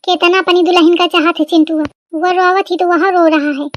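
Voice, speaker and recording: Woman doing a sharp-tongued village sister-in-law. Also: very high-pitched, fairly even intonation, normal speed. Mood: bickering.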